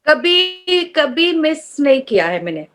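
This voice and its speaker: Earnest woman chatting, high voice. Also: sing-song, takes it slowly, a bit bright. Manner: earnest, mixes English phrases into her talk. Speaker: guest sharing experiences. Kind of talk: casual chat.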